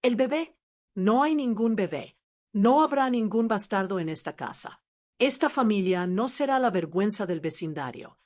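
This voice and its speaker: A furious, violent father shouts at his family in a dramatic spoken story, acted by a woman narrator. The voice stays close to her own but rises higher and tighter. The delivery is strained. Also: lively intonation, moderate pace, close to an everyday voice. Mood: menacing. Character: enraged middle-aged father, violent and shouting.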